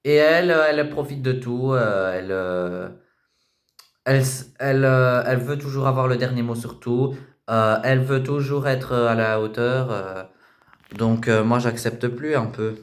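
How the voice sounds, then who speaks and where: A man voicing an exasperated middle-aged mother who stumbles and hesitates as she scolds, recorded in an echoey room. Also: lightly acted. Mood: weary. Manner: low, halting, full of hesitations.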